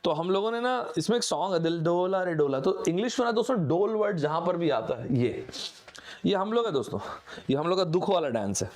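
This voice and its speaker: Brief: young male online teacher, slightly higher-pitched voice, joking Hinglish lesson patter that keeps calling the viewers friends. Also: animated, a little fast, a little mellow. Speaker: online exam-prep teacher. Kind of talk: lively Hinglish vocabulary lesson.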